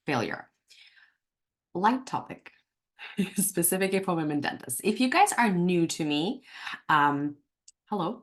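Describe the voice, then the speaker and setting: A woman in her thirties with a non-native accent, sick and a bit hoarse, hosting a live webinar in a chatty, self-joking way. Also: low-pitched, fairly bright tone. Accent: non-native English. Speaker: webinar host and life coach.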